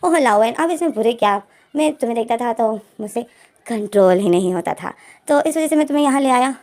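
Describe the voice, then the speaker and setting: A sly, self-assured young man, as a woman narrator puts him on in a storybook retelling. He speaks low and soft, coaxing and teasing with smug calm. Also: fairly quick.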